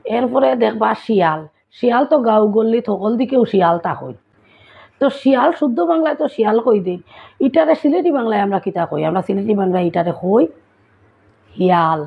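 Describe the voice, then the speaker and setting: Raspy Sylheti woman, tinny phone sound. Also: medium pitch, animated, fast talker. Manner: chatty, asks listeners if they follow. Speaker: vlogger. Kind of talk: casual vlog chat.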